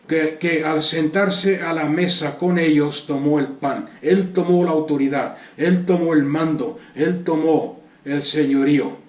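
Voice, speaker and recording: Earnest Spanish pastor preaching in an echoey hall. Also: male voice, a little high, a little mellow, recorded from a distance. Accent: Spanish from Spain. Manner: earnest, repeats words for emphasis, asks the congregation rhetorical questions. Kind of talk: sermon.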